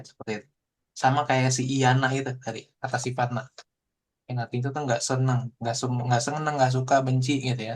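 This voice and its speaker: A man teaching a Japanese language class online, explaining in a relaxed, chatty way full of fillers. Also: medium pitch. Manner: explains in relaxed casual Indonesian with frequent fillers.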